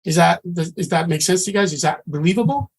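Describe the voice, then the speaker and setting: This trading instructor is a middle-aged man from Samoa whose voice is high and fast with a breathy edge. His teaching style is earnest and chatty, and he often starts sentences over.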